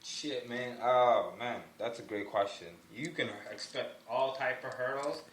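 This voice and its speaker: Recorded from a distance in a roomy space with faint background noise, a man speaks with a medium-pitched, unhurried, somewhat bright voice. Born in Somalia and having lived in Ottawa, Canada, he's a podcast guest giving motivational advice in a slangy, emphatic way, saying "you know what I mean" a lot.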